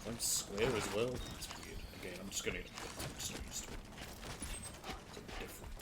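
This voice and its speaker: A man's voice: on the low side, normal speed. Man muttering over noisy gameplay. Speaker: gamer playing and commenting on a video game. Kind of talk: casual gameplay commentary. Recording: clearly noisy, game sounds behind voice.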